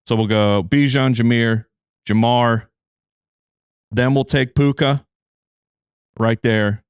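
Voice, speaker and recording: A man's voice: medium pitch, steady tone, slow pace, smooth, no echo, clean studio sound. A man, a fantasy football analyst, chatting casually in an interview with loose, restart-heavy phrasing.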